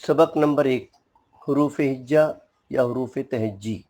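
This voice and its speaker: A man's voice: mid-range voice, a little slow, dark tone. A man teaching an alphabet lesson in a formal, courteous way, patiently explaining each letter's name and sound. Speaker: Urdu teacher. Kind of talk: slow spoken language lesson.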